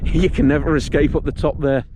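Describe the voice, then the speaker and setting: A man with a fairly high voice talks in a matey, jokey, sweary way, like a camping vlogger addressing his followers. He is out on a windy hillside, with clear wind and outdoor noise around his casual chat. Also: steady tone, fairly quick.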